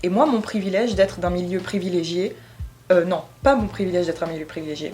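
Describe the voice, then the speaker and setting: A young woman from Switzerland, explaining her views in a casual vlog, pausing often with fillers. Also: fairly low pitch, darkish tone. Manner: thoughtful, hesitant, many fillers. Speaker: YouTuber.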